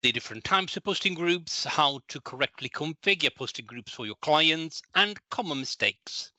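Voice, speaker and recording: Bright-voiced man teaching a webinar. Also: fairly high pitch, animated, moderate pace, dry recording. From Italy. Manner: patient, explanatory, often restarts phrases. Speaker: trainer and consultant. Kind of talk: live online training webinar.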